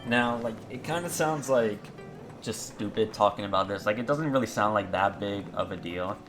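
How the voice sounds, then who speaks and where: A young man from Canada with a fairly low voice talks through a confessional monologue. He rambles, swears freely and keeps restarting his sentences, sounding downcast. Faint music plays underneath. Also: moderate pace. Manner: rambling, profane, full of fillers and restarts. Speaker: vlogger.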